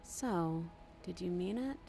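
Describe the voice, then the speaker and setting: Gravelly, guarded captive princess. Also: female voice, on the low side, animated, takes it slowly, dark tone, heavily acted. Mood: wary, vulnerable. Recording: faint music behind the voice.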